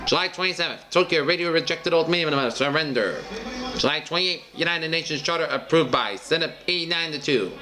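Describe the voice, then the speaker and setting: Narrating a newsreel like an announcer, a man with a slightly high voice reads scripted, dated headlines in short, clipped phrases. He moves fairly quickly from one item to the next.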